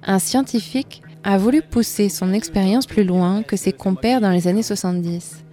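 A woman host giving measured, scripted narration. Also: mid-range voice, mellow, faint music behind. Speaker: radio host.

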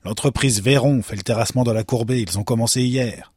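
A jovial, amused mail clerk in a prison, played by a male storyteller in a radio story. The voice is husky and a little raised. It sounds close and dry. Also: medium pitch, a little fast, a little mellow, dry recording, pitched above the performer's own voice, natural voice. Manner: amused, helpful.

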